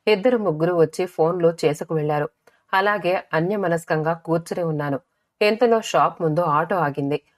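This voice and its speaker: A woman narrates a dramatic first-person story for an audiobook. Her delivery is measured and expressive, and her voice sits somewhat low for a woman.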